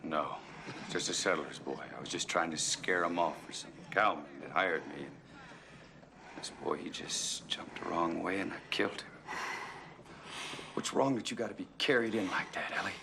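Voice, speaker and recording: An actor playing a condemned outlaw waiting to be hanged, talking low and resigned. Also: male voice, moderate pace, creaky. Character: condemned young outlaw awaiting hanging, grim. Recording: film soundtrack with steady noise.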